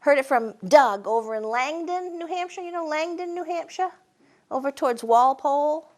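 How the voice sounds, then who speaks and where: High-voiced New woman storyteller, folksy and wry. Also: lively intonation, moderate pace. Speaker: storyteller and humorist hosting a program. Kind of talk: live humorous storytelling to an audience.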